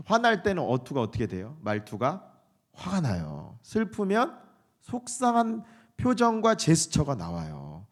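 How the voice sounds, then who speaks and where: A man preaching a sermon as pastor, lively and conversational, now and then imitating a flat formal prayer tone. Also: on the high side. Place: church sanctuary.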